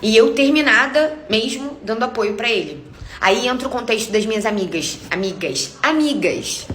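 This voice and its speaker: A woman's voice: fairly high pitch, moderate pace, a bit bright, slight background noise. A young woman with a Brazilian accent, telling a personal story in a casual vlog, angry and emphatic, often repeating herself. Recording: echoey room.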